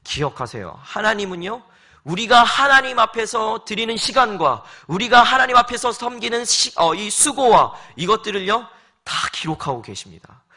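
Male pastor, sermon delivery; high pitch, very animated, insistent repetition. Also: moderate pace. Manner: lively, rhetorical questions, pleading repetition. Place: church sanctuary.

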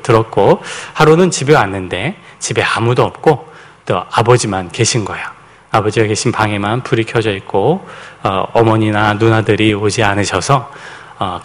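A man preaching a sermon, telling a personal story with frequent hesitant fillers and pauses. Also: medium pitch. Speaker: pastor. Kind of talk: sermon testimony.

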